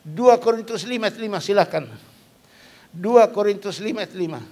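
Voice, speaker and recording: An older man delivers a sermon in a noticeably high voice. He preaches emphatically, repeating his key phrases and posing questions to the congregation before answering them himself. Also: moderate pace, warm tone. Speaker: pastor.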